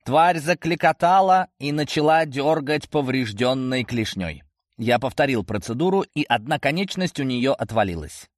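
A man's voice: mid-range voice, no echo, studio quality. A man narrating a first-person fantasy audiobook in a tense, action-driven way.

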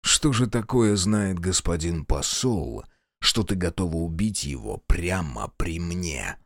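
A man playing a stern male prince and archmage in an audiobook, speaking slowly and coldly with authority. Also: low voice, lively intonation, no echo, studio quality, voice pushed down, full character voice. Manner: slow, cold, commanding.

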